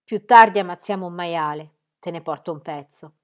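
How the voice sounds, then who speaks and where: A woman voicing a gruff, menacing male archer in an audiobook, speaking in slow, clipped replies. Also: fairly low pitch, darkish tone, lightly acted.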